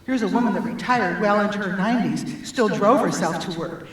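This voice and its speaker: A woman's voice: mid-range voice, brisk. Echoey, distant older woman storyteller. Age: 70s. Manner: humorous, lively storyteller with punchlines. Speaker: guest speaker, life coach. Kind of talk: personal storytelling talk. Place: church sanctuary. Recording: very echoey hall, voice from far off, faint noise.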